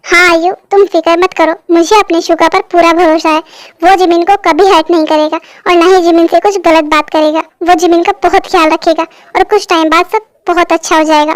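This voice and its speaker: A woman voicing a caring middle-aged mother who calmly reassures and persuades, in an amateur fan dub. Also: very high-pitched, brisk, no echo, clean studio sound. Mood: reassuring.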